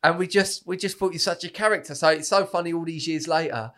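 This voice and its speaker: A man's voice: fairly high pitch, quick pace, sharp tone. A man with an Essex accent, telling anecdotes casually in colloquial, sweary speech, acting out quotes.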